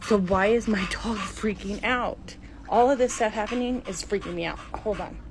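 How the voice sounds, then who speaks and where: A middle-aged woman filming inside her house on a handheld phone, talking in a hushed, shaky voice that often drops to a whisper. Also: medium pitch, normal speed. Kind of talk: frightened home video narration. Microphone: handheld phone camera. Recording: phone video with clear background noise.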